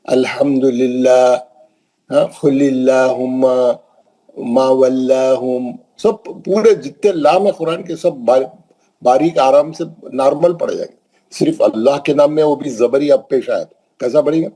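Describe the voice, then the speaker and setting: A man teaching Quran recitation rules, asking questions and answering them, with slow drawn-out recited examples. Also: a little high, warm tone, husky, low-quality recording. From Hyderabad, India. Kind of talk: classroom tajweed lesson.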